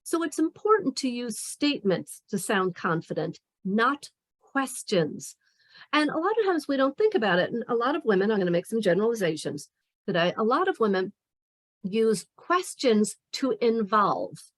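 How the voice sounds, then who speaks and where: Animated New woman coaching. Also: moderate pace. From New York. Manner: animated, emphatic, acts out examples with shifting pitch. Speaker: career coach. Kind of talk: webinar presentation. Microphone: video call.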